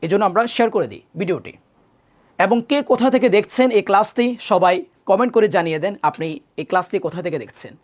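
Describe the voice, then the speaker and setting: A male Quran teacher giving a live online lesson. He sounds out Arabic letters loudly and repeatedly, then explains more quietly, asking viewers to repeat after him. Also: high voice, quick pace. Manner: addresses viewers directly, asks them to repeat after him.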